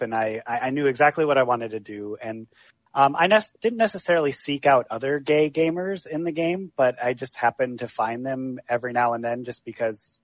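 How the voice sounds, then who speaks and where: Male caller from iowa, relaxed casual talk, dry sound. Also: mid-range voice, no room sound. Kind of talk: phone-in conversation.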